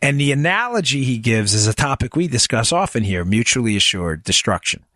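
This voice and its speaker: A man's voice: medium pitch, very animated, brisk, fairly bright tone, no echo. Emphatic male talk show host, dry sound. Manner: emphatic, talks straight to listeners, frequent restarts. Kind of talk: political talk show monologue.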